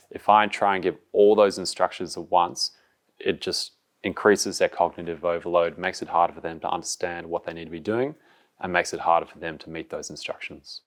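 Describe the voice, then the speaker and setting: A man teacher explaining in a calm, slow way, using few words. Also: sits low. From Australia. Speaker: secondary school teacher. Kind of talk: classroom instruction and explanation.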